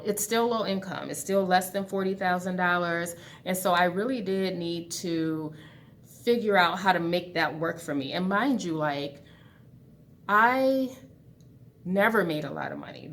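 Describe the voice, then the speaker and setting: A woman in her forties talks straight to her laptop webcam from an empty classroom at work, candid and chatty as she explains her own budget. Her voice sits a little low, and a faint hum of the room runs underneath. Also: fairly bright tone. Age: 40s. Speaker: budgeting channel host. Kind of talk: casual talk to camera.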